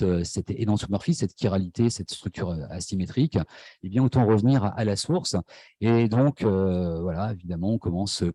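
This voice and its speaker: French guy giving a conference talk, mellow low voice, lots of euh and restarts. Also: no echo. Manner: hesitant, many fillers and restarts. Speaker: lecturer. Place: university lecture hall.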